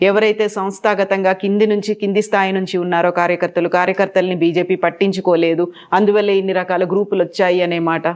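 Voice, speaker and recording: A woman's voice: mid-range voice, little pitch movement, quick pace, few pauses, a little mellow. A woman interviewer, pressing a politician with probing follow-up questions.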